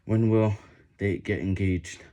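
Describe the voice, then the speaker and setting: A man's voice: fairly low pitch, fairly even intonation, mellow. A man reading a book aloud while doing push-ups, in short broken phrases with frequent stumbles and restarts. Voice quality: halting, broken phrasing with stumbles over words. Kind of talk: halting read-aloud from a book.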